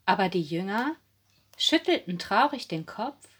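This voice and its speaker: A woman narrating a Bible story for listeners in a slow, dramatic, expressive reading style. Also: medium pitch, breathy edge.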